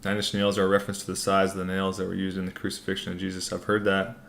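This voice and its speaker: A man's voice: low voice, completely flat delivery, rapid-fire, vocal fry, a bit bright, slight background noise. A man hosting a casual livestream Q&A, reading out comments and answering in a laid-back, informal, rambling way. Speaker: livestream host.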